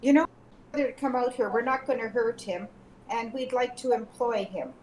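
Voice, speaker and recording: A woman's voice: fairly high pitch, normal speed, darkish tone, low-quality recording. A woman playing a tabletop role-playing game, talking casually and in character. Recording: clear background noise.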